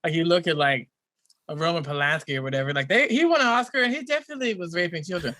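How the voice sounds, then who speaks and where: Male podcast talker, fairly high and bright, dry sound, opinionated and argumentative in comic banter. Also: quick pace, no echo.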